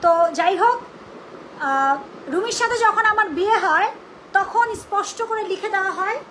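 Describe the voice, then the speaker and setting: Woman, very high sharp voice, confrontational live monologue, indignant, noticeable background noise. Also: low-quality recording. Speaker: live-streamer rebutting accusations about own family. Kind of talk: unscripted livestream monologue.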